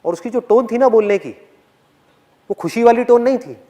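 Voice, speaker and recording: A man's voice: extremely high pitch, expressive, moderate pace, background noise. A man giving a motivational stage talk, telling a personal story with animation and putting questions directly to the audience. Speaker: motivational speaker. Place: on stage before a live audience.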